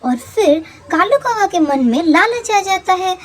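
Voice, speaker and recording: High-voiced woman narrating a cartoon tale. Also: animated, measured pace. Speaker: storyteller.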